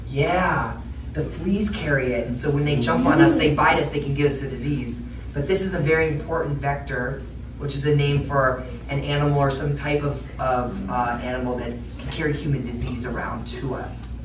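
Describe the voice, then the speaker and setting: A woman's voice: rumbling low, fairly even intonation, moderate pace. Woman, middle-aged, health educator explaining to kids, question-led and simple; roomy, noisy, off-mic recording. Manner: explaining to a child in simple words, prompting with questions. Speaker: public health educator presenting to children. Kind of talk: interactive educational talk, explaining to children. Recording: echoey room, distant mic, noisy background.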